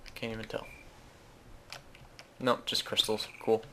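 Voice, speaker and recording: A man's voice: on the low side, monotone, measured pace, fairly bright tone, slight background noise. A man giving casual, rambling commentary as he plays a game, often correcting himself mid-sentence. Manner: rambling, self-correcting, chatty asides. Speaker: Let's Play host.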